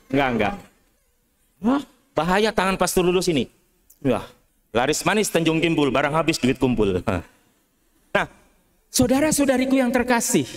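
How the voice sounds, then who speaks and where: High-voiced priest telling stories in a sermon. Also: male voice. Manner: lively storytelling with humorous asides, often calling out to the congregation. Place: cathedral church.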